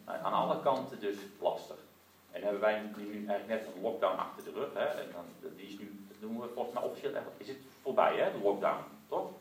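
A man with a fairly low voice preaches, telling his story lively and tossing in frequent rhetorical asides. He is recorded from some distance in a roomy space with echo and faint background noise. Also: fairly quick. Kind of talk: sermon with prayer for listeners at home.

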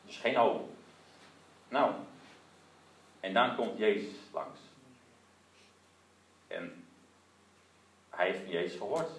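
Lively male preacher in an echoey room. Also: fairly low pitch, slow pace, long pauses. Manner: lively storytelling with many rhetorical asides. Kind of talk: sermon with prayer for listeners at home. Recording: roomy echo, distant mic, faint noise.

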